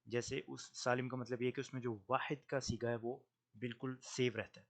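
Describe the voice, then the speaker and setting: A man's voice: medium pitch, little pitch movement. Man teaching Arabic grammar, patient. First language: Urdu. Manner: explains patiently, drills word pairs slowly. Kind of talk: recorded online lesson.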